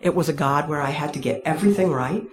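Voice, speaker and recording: In a personal faith story told to an audience, a woman speaks fast in a deep voice, with a little hiss or hum on the recording. Her telling is candid, wry and self-deprecating.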